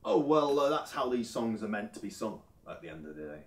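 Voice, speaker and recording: A man's voice: fairly low pitch, very animated, brisk. An actor playing an earnest, clueless male folk singer who rambles and hesitates through a mockumentary interview. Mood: rambling earnest. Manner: rambling, hesitant, full of filler sounds. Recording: roomy, distant sound.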